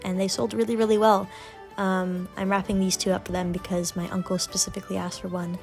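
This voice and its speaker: A young woman with a Bermudian accent, chatting casually as a knitting vlogger, relaxed and full of little ums. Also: medium pitch. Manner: relaxed, many ums, softly spoken at times.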